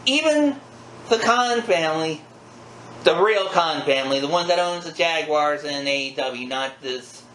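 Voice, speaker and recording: A man's voice: on the high side, lively intonation, unhurried, a bit bright. A man co-hosting a casual, conversational talk show about wrestling. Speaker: podcast co-host. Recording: echoey room, faint background noise.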